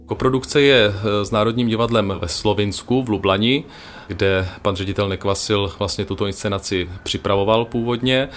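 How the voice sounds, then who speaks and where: Deep-voiced man with hesitant speech. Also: fairly bright tone, slight background noise. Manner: hesitant, with filler sounds. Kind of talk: casual interview answer.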